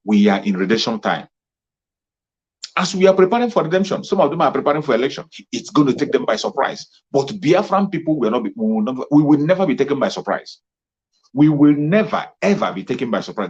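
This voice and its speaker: Speaking at medium pitch in a slightly mellow voice with a breathy edge, a man delivers a fervent political monologue as a commentator, rallying and repeating himself for emphasis. The recording is muffled and lo-fi.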